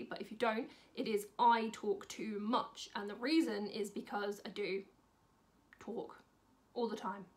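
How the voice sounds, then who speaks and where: A chatty woman of twenty-five, answering questions to camera in a casual book vlog, with dry sarcastic humour. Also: mid-range voice. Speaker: book vlogger.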